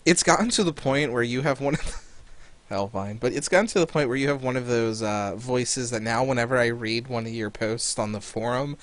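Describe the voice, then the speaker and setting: A man's voice: mid-range voice, brisk, slight background noise. A man co-hosting a casual podcast chat, rambling and hunting for words as he explains things. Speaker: podcast co-host.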